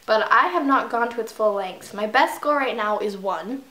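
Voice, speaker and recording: Bright animated young woman in an echoey room. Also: a little high, normal speed. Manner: animated, squeals at the game, drops to mutters between taps. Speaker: vlogger playing a phone game. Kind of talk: casual gaming vlog. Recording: echoey room with faint noise.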